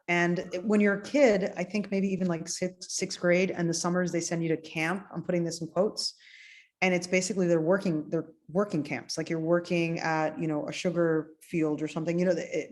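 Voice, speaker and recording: Forties woman guest, from Cuba via New Jersey, low voice, conversational. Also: little pitch movement, a little fast, darkish tone. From Cuba, raised in New Jersey. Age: 40s. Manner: conversational, many fillers like "you know". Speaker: optometrist guest. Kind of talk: casual interview.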